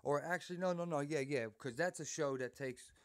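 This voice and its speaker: A man's voice: fairly high pitch, fairly quick. A man hosting a casual phone chat, speaking in a slangy, repetitive way and often saying "bro". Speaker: host taking a call from an inmate.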